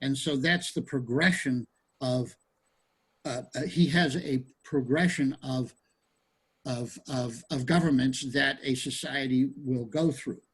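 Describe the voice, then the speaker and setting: A man's voice: medium pitch, slow pace, slightly rough, rough recording. A man leading a casual study group discussion on a video call, rambling with many restarts and fillers.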